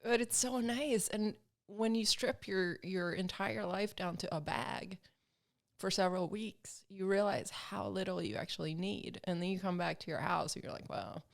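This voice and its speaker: A woman in her thirties, a podcast guest, talking casually and reflectively, often pausing with fillers as she thinks aloud. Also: mid-range voice, steady tone, gravelly. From Sweden, grew up in Alabama. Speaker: podcast guest, film producer and motorcyclist. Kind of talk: casual conversational interview.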